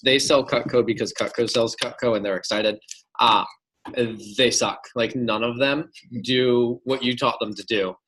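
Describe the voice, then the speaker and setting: A man's voice: mid-range voice, fairly even intonation, normal speed, a bit bright. A man leading a group sales training, trading jokes and sarcasm with the group before giving upbeat instruction. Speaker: sales team leader running a training.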